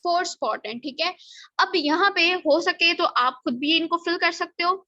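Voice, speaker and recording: High, bright-voiced woman explaining patiently. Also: normal speed, no room sound. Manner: checks understanding with repeated "okay" and rhetorical questions. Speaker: presenter explaining a marketing plan. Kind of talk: casual explainer lesson. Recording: dull, slightly lo-fi dry recording.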